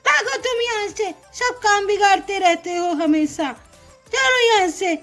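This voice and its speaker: Lady doing a super high whiny schoolgirl voice, slow and teary, music faint behind. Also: a bit bright, heavily acted. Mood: annoyed. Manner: whiny, tearful. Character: fretful schoolgirl doing homework. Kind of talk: storybook doll-show voice acting.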